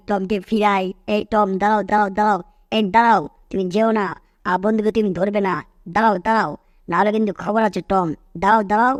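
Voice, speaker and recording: A woman's voice: medium pitch, no echo, studio quality, close to an everyday voice. Cartoon dub: a sly, teasing mouse, played by a woman in her ordinary mid-range voice. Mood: alarmed. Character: Jerry, a cheeky, scheming cartoon mouse.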